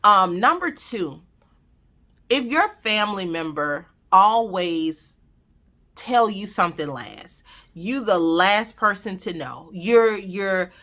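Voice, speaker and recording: A woman's voice: mid-range voice, animated, slow pace, bright, forceful tone. A woman with a Southern US country lilt gives casual, emphatic advice straight to viewers, repeating phrases for stress and checking in with listeners. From Southern United States. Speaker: vlogger giving family advice.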